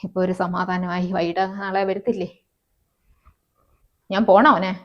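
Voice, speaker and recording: A woman's voice: fairly low pitch, little pitch movement, normal speed, close to an everyday voice. A woman playing a fretful, caring mother-in-law. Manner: repeats herself, soothing then fretful. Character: worried mother-in-law, anxious but caring. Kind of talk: amateur family web-series acting. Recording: slightly dull, lo-fi sound.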